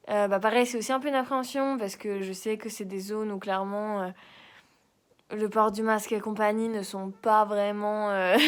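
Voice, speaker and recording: Speaking French as a second language, a young doctoral student chats casually in a hotel-room video diary. She has a mid-range voice and often pauses to hunt for words, with little laughs along the way.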